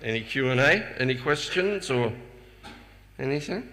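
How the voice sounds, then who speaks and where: An older man recounts memories to a live audience in a bright, forceful voice, chuckling and stammering into quick repeats as the story builds. His voice rings out through a long hall reverb, with a faint hum of ambience behind it. It is relaxed, personal storytelling rather than a formal talk. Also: medium pitch. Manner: chuckling often, stammering repeats when excited. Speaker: speaker sharing personal memories.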